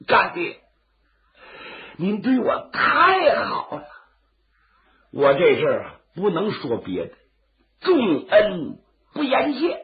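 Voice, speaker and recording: A wounded young man played by a male storyteller pours out earnest gratitude in a gravelly Northeastern Chinese voice. He is dramatic and tearful, drawing words out slowly and rising to high, sobbing peaks. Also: huge pitch swings, lo-fi sound, full character voice.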